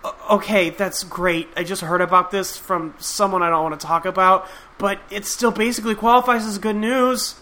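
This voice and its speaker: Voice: mid-range voice, steady tone, normal speed, few pauses, bright, forceful tone, natural voice. Someone playing a timid stammering troll boy. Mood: hesitant. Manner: hesitant, stammering, polite. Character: timid young male troll.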